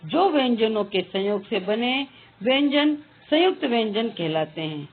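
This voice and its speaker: A woman teaching a grammar lesson, speaking slowly and deliberately and drawing out each letter sound. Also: on the high side, lively intonation. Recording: tinny phone-like sound.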